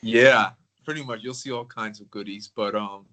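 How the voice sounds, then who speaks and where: A man in casual conversation about crystals, talking in a relaxed, rambling way with many filler words. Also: lowish voice, moderate pace, poor audio. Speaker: crystal collector.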